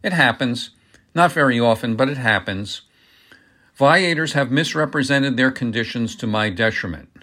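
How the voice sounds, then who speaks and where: A man's voice: medium pitch, expressive, moderate pace, bright, forceful tone. A man reading the part of a pompous, cornered middle-aged businessman who grows defensive and flustered when pressed. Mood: smug.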